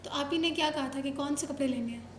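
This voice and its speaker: High-voiced woman playfully quizzing children. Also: quick pace, a little hiss or hum. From Pakistan. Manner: playful, coaxing, teasing questions. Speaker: show host interviewing children. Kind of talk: casual chat with children. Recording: roomy echo.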